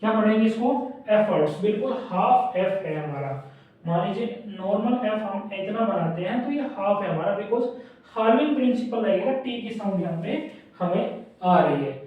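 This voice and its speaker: A man teaching a shorthand class who says each word slowly, breaks it into syllables and repeats it as he writes. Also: high-pitched. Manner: slow, spells words out syllable by syllable and repeats them. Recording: echoey, dull, distant room recording.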